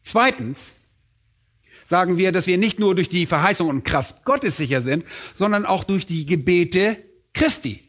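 A man's voice: sits high, animated, unhurried, a bit bright. A middle-aged man preaching a sermon, emphatic, asking questions and answering them himself. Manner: emphatic, asks and answers his own questions.

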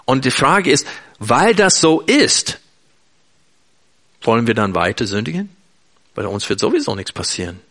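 A man's voice: medium pitch, very animated, a little slow, pauses often, fairly bright tone. German man preaching an earnest sermon. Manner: earnest, emphatic, addresses listeners directly.

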